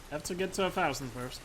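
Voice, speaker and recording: This speedrunner, a man with a Danish accent and a fairly high voice, chats through his live stream while game audio plays behind his mic on a noisy background. He laughs a lot, keeps things casual, and curses whenever he slips up.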